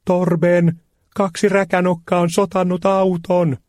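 A man voicing a shrill woman who screams about her dirtied car in a storybook reading. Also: little pitch movement, a little mellow, dry recording, clean studio sound, close to an everyday voice. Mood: shrieking. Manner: screeching, outraged.

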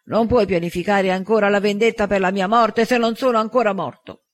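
A man's voice: high-pitched, fairly even intonation, brisk, close to an everyday voice. A man voicing an indignant, snappish young man in an audiobook. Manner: protesting, snappish. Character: indignant young man, the only human among wolves. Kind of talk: audiobook dialogue.

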